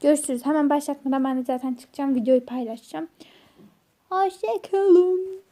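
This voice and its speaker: A woman playing a mobile horror game with casual commentary. She curses freely, sinks into hushed whispers while sneaking, and breaks into alarmed exclamations, recorded through a phone's screen recorder. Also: high-pitched, steady tone, racing. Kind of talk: casual let's-play commentary. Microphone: phone screen recorder mic.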